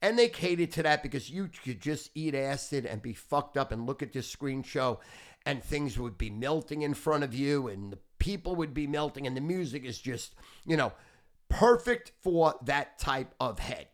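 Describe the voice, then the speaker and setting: A man's voice: mid-range voice, animated, moderate pace. A man in his fifties hosting a podcast, telling rambling, boastful stories full of swearing. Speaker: podcast host. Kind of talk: casual storytelling.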